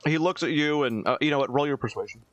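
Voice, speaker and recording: A man's voice: a little high, quick pace, muffled recording, noisy background. A man running a tabletop role-playing game as game master over voice chat, stammering often and laughing a lot.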